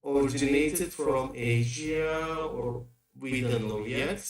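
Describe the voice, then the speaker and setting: A man giving an academic seminar lecture from afar over a bad online connection, speaking haltingly and restarting his phrases often. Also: medium pitch, a little hiss or hum. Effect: remote voice over a bad online connection. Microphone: video call. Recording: distant, echoey video-call audio.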